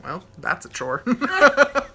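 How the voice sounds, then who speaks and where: A young man hosting a live vlog, chatting casually with playful, animated asides. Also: very high-pitched, extremely slow, slightly rough, soft background music. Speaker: vlog host. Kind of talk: casual live-stream chat.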